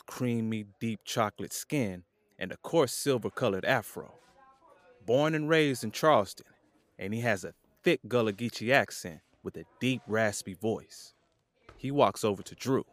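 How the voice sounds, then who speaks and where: A man narrating an audio drama in a plain, even storytelling manner. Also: mid-range voice, unhurried, no room sound.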